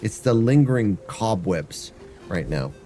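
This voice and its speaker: Faint music plays behind a variety streamer who gives casual, rambling commentary as he plays a game live, humming and thinking aloud. His nose is stuffy, and his mellow, lowish voice is expressive and a little slow.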